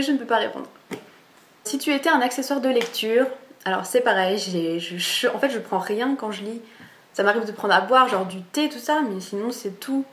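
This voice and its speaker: A young woman talks to her camera about books in a chatty, enthusiastic way, often restarting her sentences. She sits at home, recorded on a camera mic. The room is noticeably echoey. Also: mid-range voice. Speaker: book vlogger. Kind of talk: casual chat to camera.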